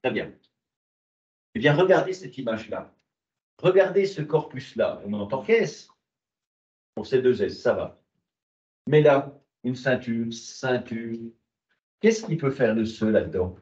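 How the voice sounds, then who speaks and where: A man's voice: mid-range voice, animated, a little slow, pauses often, darkish tone. A man lecturing a university class, asking rhetorical questions and answering them himself. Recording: muffled, echoey classroom.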